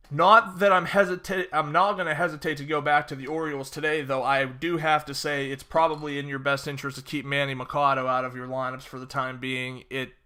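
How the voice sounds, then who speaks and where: A man's voice: medium pitch, pushed and bright. A young man casually breaking down fantasy baseball picks, chatty and rambling with fillers and sarcastic asides. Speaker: fantasy sports analyst. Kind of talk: casual solo sports-betting breakdown.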